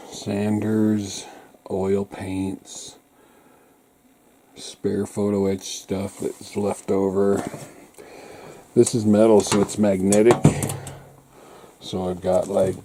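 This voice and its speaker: A man giving a casual walk-through of his hobby workshop, pointing things out item by item in short, unhurried phrases. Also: lowish voice. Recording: clearly noisy amateur room recording with clicks.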